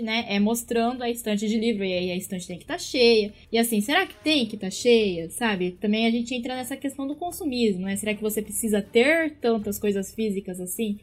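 A young woman with a slightly high voice talks in an easygoing, conversational way. She shares her opinions as if chatting with a friend. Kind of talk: casual podcast chat.

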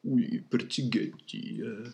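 A man voicing a scheming older Russian leader who confides in a low, conspiratorial way. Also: steady tone, slow, darkish tone, highs cut off.

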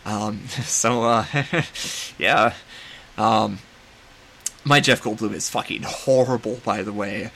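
A man's voice: fairly low pitch, steady tone, a little slow, gravelly, a bit bright, a little hiss or hum. A man hosting a movie podcast, rambling and self-deprecating as he recaps a horror film. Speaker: podcast host.

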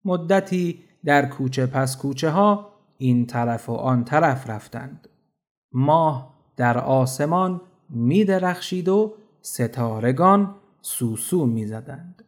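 A man narrating a children's storybook in a steady, clear storytelling manner. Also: medium pitch.

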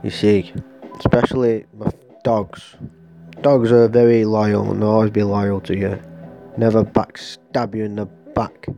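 A man's voice: on the low side, level tone, unhurried, vocal fry, warm tone, muffled recording, faint music behind. A man, hosting a podcast in a rambling, profane, jokey solo rant. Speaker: podcast host.

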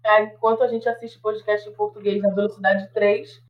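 A woman's voice: mid-range voice, flat delivery, brisk. Jokey woman co-host, lo-fi sound. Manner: blunt, jokey, swears casually. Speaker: podcast co-host. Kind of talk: casual chat. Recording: dull lo-fi podcast audio.

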